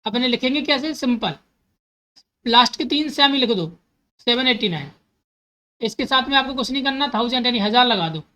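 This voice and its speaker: Woman math teacher, bright and fairly high voice, patient step-by-step explainer who mixes in terms. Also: fairly quick, pauses often, poor audio. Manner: repeats steps and asks herself questions, corrects slips.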